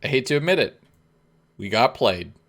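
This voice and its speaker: Male gaming host, very animated pitch movement, mid-range voice, casual commentary. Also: normal speed. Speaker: gaming video host and player.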